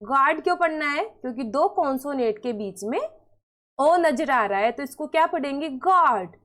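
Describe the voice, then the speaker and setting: High-voiced woman teaching pronunciation. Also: animated, moderate pace, fairly bright tone. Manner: repeats questions to the viewer and answers them; explains patiently and step by step. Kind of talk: Hindi-language English lesson.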